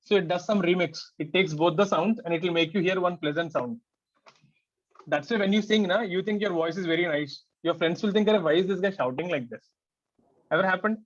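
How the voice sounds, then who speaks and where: A man's voice: high voice, fairly quick, lo-fi sound. A man teaching a class, explaining things conversationally and peppering students with rhetorical questions.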